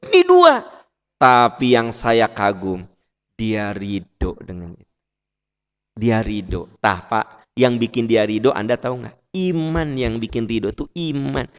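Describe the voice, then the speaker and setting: A middle-aged man with a Sundanese accent preaching a sermon, telling stories lively and climbing high for emphasis. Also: a little slow, clean tone, highs cut off. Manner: lively storytelling, rising sharply for emphasis. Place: large mosque. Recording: long reverb in a mosque hall.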